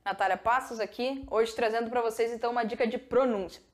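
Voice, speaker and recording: A woman with a Brazilian Portuguese accent, an English teacher who explains step by step and models English phrases slowly in a pronunciation lesson video. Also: fairly high pitch.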